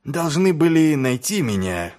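A man voicing a weary, sardonic middle-aged male watch commander in an audiobook, speaking low and dry. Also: sing-song, unhurried, darkish tone. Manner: dry, mocking, low and subdued.

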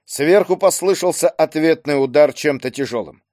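Male audiobook reader, measured storytelling, dry recording. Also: on the high side, darkish tone, no echo. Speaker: narrator. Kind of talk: audiobook narration.

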